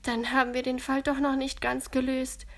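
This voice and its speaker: A woman's voice: high voice, completely flat delivery, normal speed. A woman voicing a thoughtful young boy detective who speaks earnestly.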